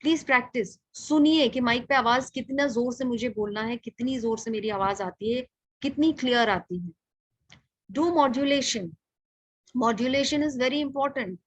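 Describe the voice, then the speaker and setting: A middle-aged woman with an Indian accent gives a brisk, direct talk on presenting. Her voice sits fairly high and sounds a little husky. She speaks at an unhurried pace, and the recording is dry and close. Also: no echo, low-quality recording. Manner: brisk, direct, switches between English and Hindi. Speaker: communication trainer.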